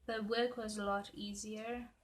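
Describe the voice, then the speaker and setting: This South African planner vlogger, whose first language is Afrikaans, rambles chattily while she plans, muttering to herself as she works and poking fun at herself. She speaks slowly in a mid-range voice with a level tone. Faint background noise sits under the recording.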